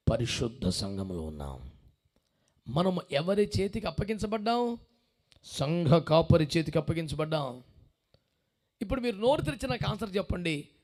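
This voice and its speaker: A man's voice: high-pitched, animated, normal speed, vocal fry, long pauses, darkish tone. A man preaching a sermon as a pastor, firing rhetorical questions at the congregation and repeating phrases for emphasis. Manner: emphatic repetition.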